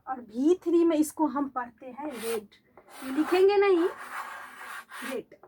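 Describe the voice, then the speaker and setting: In a classroom-style English grammar lesson, a woman with a high-sitting voice explains slowly. She repeats examples and asks her students whether they follow.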